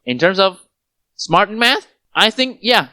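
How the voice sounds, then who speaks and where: A man's voice: sits high, sing-song, measured pace, bright, forceful tone, no room sound. A young man co-hosting a casual podcast, talking with many fillers and restarts. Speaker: podcast co-host.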